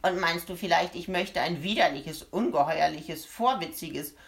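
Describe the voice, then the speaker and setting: A woman's voice: on the low side, normal speed, vocal fry. Woman voicing a spiteful little man. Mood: shouting angrily. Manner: shouting, sneering, gleeful cruelty. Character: spiteful little man who hates children. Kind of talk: audiobook character voice.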